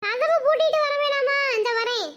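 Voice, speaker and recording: A woman voicing a bossy, sharp-tongued village wife in a cartoon, with a Madurai Tamil accent and a shrill, pushed-up voice. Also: dull audio. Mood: nagging. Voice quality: shrill, pitched way up. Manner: nagging, quick comebacks. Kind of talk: cartoon voice acting.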